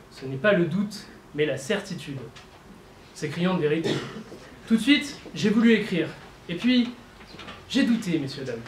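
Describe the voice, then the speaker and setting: A young male student giving an eloquence-contest speech, addressing the jury in a playful, theatrical way with dramatic pauses. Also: sits high, slight background noise. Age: young adult. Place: university lecture hall. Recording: roomy hall with faint ambience.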